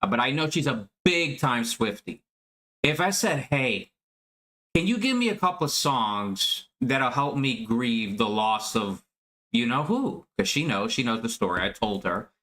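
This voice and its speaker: A man streaming, chatting casually and thinking out loud as he reacts to a clip. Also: medium pitch, very animated, unhurried. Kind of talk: casual chat.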